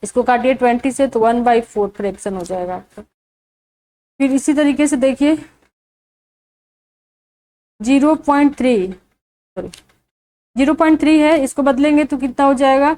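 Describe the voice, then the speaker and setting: A woman teaching a maths lesson, walking through each step slowly and answering her own questions. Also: sits high, dark tone, low-quality recording. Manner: asks the viewer questions and answers them herself, slow and deliberate.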